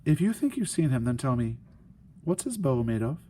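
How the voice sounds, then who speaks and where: A man's voice: mid-range voice, big pitch swings, normal speed, mellow, slight background noise, close to an everyday voice. A man voicing a stern, shrewd woman guardian in a storybook, firm and questioning. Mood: testing.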